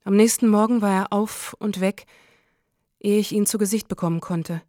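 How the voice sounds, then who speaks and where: A woman reading a first-person literary story in a calm, measured way. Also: mid-range voice, no room sound, studio quality. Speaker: audiobook narrator.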